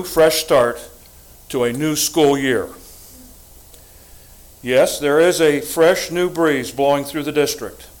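An older man from the United States giving a prepared, formal statement to a school board, deliberate and emphatic. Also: fairly high pitch, rough recording. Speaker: public commenter at school board meeting.

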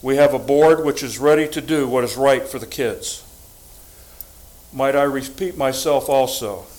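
An older man from the United States giving a prepared, formal statement to a school board, deliberate and emphatic. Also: medium pitch, darkish tone, rough recording. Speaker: public commenter at school board meeting.

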